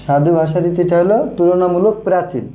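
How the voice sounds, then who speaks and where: A male teacher giving an online grammar lesson while he writes, talking slowly and saying each key term twice. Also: sits high, muffled recording. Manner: slow and repetitive, says key terms twice. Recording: echoey room with faint noise.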